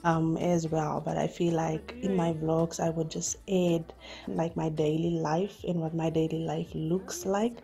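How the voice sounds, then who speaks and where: A woman in her thirties talking through her day as a vlogger in a relaxed, thoughtful way, with lots of fillers. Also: low voice, measured pace, vocal fry, soft background music. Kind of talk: casual voice-over narration.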